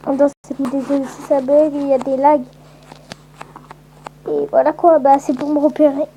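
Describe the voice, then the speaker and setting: A woman's voice: sits high, level tone, normal speed, warm tone, slight background noise, poor audio. A woman giving casual, rambling let's-play commentary with lots of hesitant fillers. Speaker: gameplay commentator.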